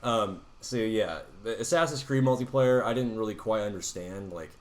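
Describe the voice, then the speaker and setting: A man with a cold-roughened, hoarse voice, co-hosting a casual gaming podcast and swearing freely as he restarts his sentences. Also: fairly low pitch, moderate pace. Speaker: podcast co-host. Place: indoors, in Nebraska.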